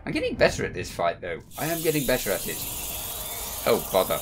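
A man's voice: fairly low pitch, wildly swooping pitch, quick pace. A man giving casual gameplay commentary, thinking aloud with mild exclamations. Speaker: gamer playing and commentating. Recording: loud game music behind voice.

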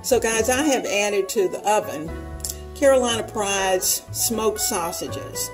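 Slow, chatty woman cooking at home. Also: mid-range voice, over music, rough recording. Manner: chatty, homey, talks the viewer through each step. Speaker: home cooking video host. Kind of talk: casual cooking demonstration. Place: home kitchen.

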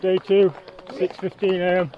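Holding an action camera at arm's length, a travel vlogger in his thirties offers cheerful, breathless commentary while hiking outdoors on a mountain trail. He has a high voice, monotone and moderately paced. Highs are cut off, and there's a little hiss or hum.

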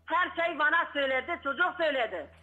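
A woman's voice: high-pitched, animated, fast, bright, forceful tone. An older woman calling in to a talk show by phone, insistent and repeating herself. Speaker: caller on phone line. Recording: muffled phone line.

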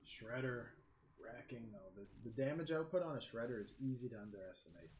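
A man commentating a strategy game match, lively play-by-play that jumps up in excitement. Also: medium pitch, brisk. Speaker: game caster. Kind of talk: esports commentary. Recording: echoey room with faint background noise.

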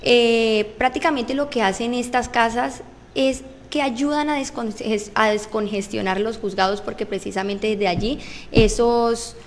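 At a small radio studio's desk mic, a council candidate from Colombia, a woman in her 20s, replies to interview questions in a prepared, formal and earnest way, her higher-pitched voice steady and a little slow.

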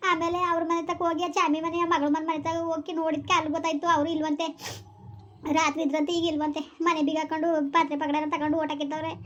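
A lamenting village wife in a homemade comedy skit, played by a woman. Her voice sits very high and pours out quickly in a flat, wailing run. She complains on and on about being left behind. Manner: wailing complaint in a fast village sing-song. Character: village wife whose husband has run off.

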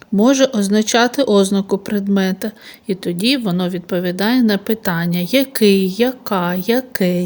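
A woman kindergarten teacher with a Ukrainian accent gives a recorded lesson to small children. She speaks slowly and patiently, asking questions and answering them herself. Her voice sits at a middle pitch. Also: a little mellow.

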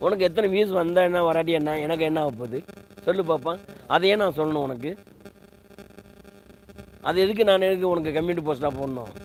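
A man rants on a livestream from home, indignant, repeating himself and demanding answers from his viewers. His voice sits a bit high, and a faint hum runs under the recording. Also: brisk, pauses often, rough recording. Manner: indignant, repetitive, rhetorical questions. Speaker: live streamer. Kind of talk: heated livestream rant.

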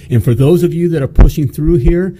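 A middle-aged man hosts a motivational business show from an indoor studio, speaking emphatically into a stand-mounted studio mic. His voice is fairly high, mellow and slightly rough, and he talks a little fast. He keeps checking in with "okay?" and "you know".

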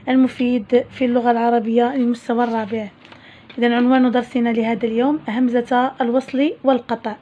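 Teacher, woman, high voice, patient step-by-step explaining, dull lo-fi sound. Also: a little mellow. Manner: slow, explaining step by step with questions. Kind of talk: primary school Arabic lesson. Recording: dull lo-fi recording.

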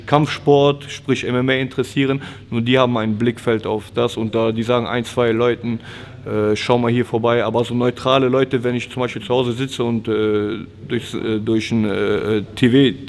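A man's voice: medium pitch, a little hiss or hum. A man in his twenties, an MMA fighter, talking casually in an interview, with lots of fillers and restarts. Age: 20s. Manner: relaxed, frequent fillers and restarts. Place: training gym, indoors.

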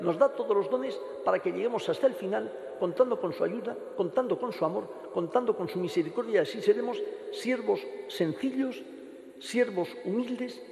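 A middle-aged male priest with a Castilian accent preaches and prays in a high, creaky voice. His direct address carries through a large cathedral with long, echoing reverb. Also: moderate pace, a little mellow. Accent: Castilian Spanish. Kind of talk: homily and liturgical prayer. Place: large stone church, indoors. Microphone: gooseneck lectern microphone.

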